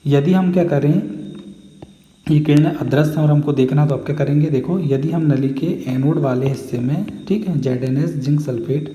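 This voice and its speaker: At a moderate pace, a man with a fairly high, warm voice and a Hindi accent leads a chemistry lesson, breaking things down step by step. He keeps asking "theek hai" to see if the class follows and supplies the answers himself, all in a reverberant room with faint background noise.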